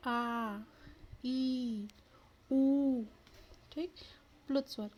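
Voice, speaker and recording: A woman teacher with a warm voice on the high side gives an exam-prep lesson, with slight background noise. She asks the viewer questions and sounds out each letter aloud.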